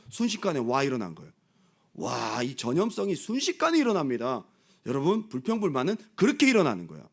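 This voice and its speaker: A male pastor leading a Bible study, talking in an animated way and acting out the voices of crowds and people in the story. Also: sits high. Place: church.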